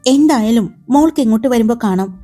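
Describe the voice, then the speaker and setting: A woman's voice: on the high side, lively intonation, fast talker, dark tone, soft background music. A woman reading the part of a teasing, protective young man in a romance story, playful and commanding.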